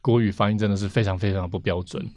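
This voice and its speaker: A man's voice: on the low side, steady tone, quick pace, a little mellow, no room sound. A man with a Taiwanese Mandarin accent speaking as an interview guest, explaining things casually and repeating phrases as he goes. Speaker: interview guest, vintage record collector.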